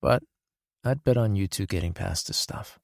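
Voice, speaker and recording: A man's voice: sits low, moderate pace, gravelly, no echo, clean studio sound. A man voicing a kind-hearted, joking young male friend in an audiobook. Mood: warm teasing. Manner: easygoing, joking. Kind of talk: audiobook character voice.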